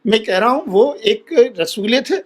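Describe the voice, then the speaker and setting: Brief: male holy man as debate guest, husky high voice, passionate and pleading, repeats his points. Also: a little slow. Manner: impassioned, pleading, repeats himself. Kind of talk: heated televised debate.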